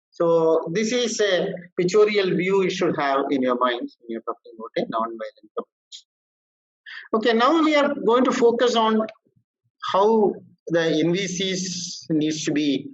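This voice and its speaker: Halting man giving a workshop lecture. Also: fairly high pitch, highs cut off. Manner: halting, explanatory, frequent restarts. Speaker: corporate trainer.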